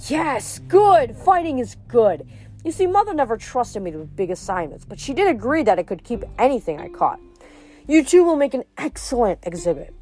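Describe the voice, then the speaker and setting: A woman's voice: on the high side, sing-song, moderate pace, dark tone, pitched above the performer's own voice. A woman voicing a grotesque male sea god who taunts his captives in a mocking, showman-like way. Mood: gloating. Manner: mocking, sing-song showman.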